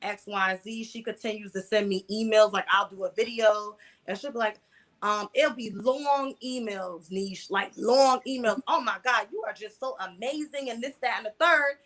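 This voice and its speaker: A woman in her mid twenties with an American accent, an online video creator, appears as an interview guest and shares personal stories candidly. Her fairly high voice is a bit bright and moderately paced, and her colloquial speech repeats words for emphasis.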